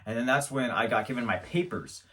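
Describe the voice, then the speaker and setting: A show host spins a ridiculous comic tale, rambling with mock seriousness and stumbling as he restarts lines. His expressive, mid-range voice is fairly quick and a bit bright, picked up by a distant mic.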